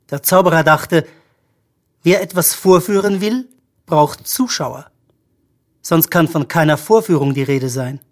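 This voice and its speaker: A narrator reading a story for an audiobook in a measured, even-paced manner. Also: medium pitch.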